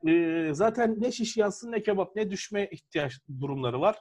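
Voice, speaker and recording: A man's voice: high-pitched, lively intonation, moderate pace, a little mellow. A man in a casual sports discussion, giving opinions as a pundit and repeating his points conversationally. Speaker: football pundit.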